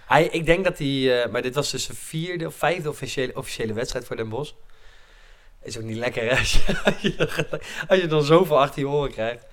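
A man in casual football chat, animated and laughing often, his voice climbing when he gets worked up. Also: medium pitch, brisk. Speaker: football podcast panelist.

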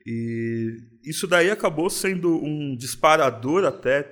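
A man's voice: fairly high pitch, measured pace. Paulistano guy chatting as a guest, laid back, reflective, says mano a lot. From São Paulo, Brazil. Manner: relaxed, reflective, uses street slang. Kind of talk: casual interview.

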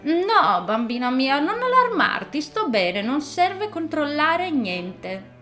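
A woman's voice: high-pitched, sing-song, takes it slowly, pushed and bright, soft background music, voice pushed up, exaggerated voice. A cunning, impatient wolf from a storybook, as a woman reads him out, sly and coaxing with a voice that swings up and down. He keeps his voice near the reader's own, only a little put on. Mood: soothing.

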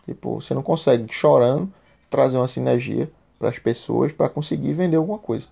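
A man's voice: mid-range voice, a little fast, vocal fry, dark tone, slightly rough. A man telling a personal story casually, emotional and heartfelt, with a lot of slang.

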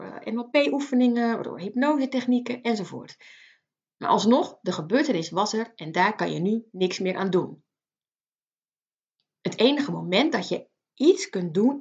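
A woman's voice: mid-range voice, vocal fry, darkish tone, muffled recording. A woman coaching the listener in a motivational self-help talk, earnest and direct, speaking straight to them. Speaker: life coach.

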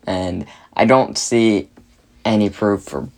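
A man's voice: lowish voice, takes it slowly, darkish tone. A young man co-hosting a podcast, chatting in an easygoing way and often tripping over his words. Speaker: podcast co-host. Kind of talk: casual chat.

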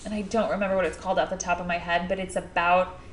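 A woman's voice: lowish voice, level tone. Woman, podcast co-host, casual and talkative, roomy recording. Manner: chatty, quick to laugh, trails off. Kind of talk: casual chat.

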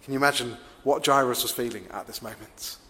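A man's voice: mid-range voice, fast, sharp tone, in a large hall. A man preaching a sermon in a reflective, conversational way, often asking his listeners rhetorical questions.

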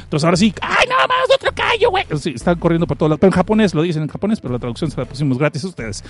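Here a Mexican-accented man plays jokey narrator for an anime episode recap, tossing crude slang and jokes straight at his audience. He talks fast in a fairly high, slightly mellow voice, keeping things playful.

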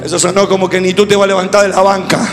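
A man preaching a sermon as pastor, shouting and calling on the congregation. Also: high voice, flat delivery, rapid-fire. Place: church. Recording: echoey hall with music.

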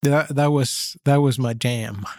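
Slow, hesitant man with a cough. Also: medium pitch, fairly even intonation, darkish tone, no room sound, studio quality. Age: middle-aged. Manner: halting, hesitant, dryly humorous. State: has a persistent cough. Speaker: podcast co-host. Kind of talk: casual chat.

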